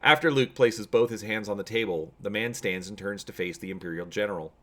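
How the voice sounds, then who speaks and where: He speaks briskly in a lowish voice with a fairly bright tone. As host of a tabletop gaming channel, he talks informally to viewers and gives a dramatic reading of an adventure story's narration.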